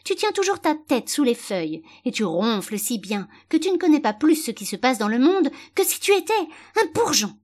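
A woman's voice: fairly high pitch, very animated, moderate pace, pitched above the performer's own voice. A woman voicing a proud, bossy talking tiger-lily flower that scolds and commands. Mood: scolding.

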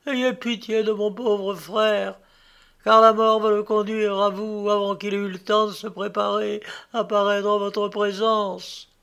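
A man voicing a terrified young maidservant, speaking in a high, pleading, drawn-out voice in an audiobook reading. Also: sing-song.

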